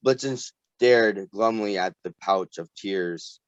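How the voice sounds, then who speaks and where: A man reads a novel aloud to a small group at a slow, careful pace, now and then stumbling over a hard word and starting it again. His voice sits on the lower side. The audio is dull, lo-fi and dry, as over a video call. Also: smooth, no room sound. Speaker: reader. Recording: dull lo-fi recording.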